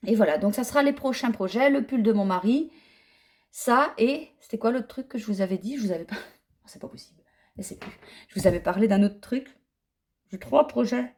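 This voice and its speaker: A woman's voice: fairly high pitch, a little fast, darkish tone. A middle-aged woman chatting casually in a knitting vlog, rambling and self-mocking as she talks. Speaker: knitting vlogger. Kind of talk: casual chat.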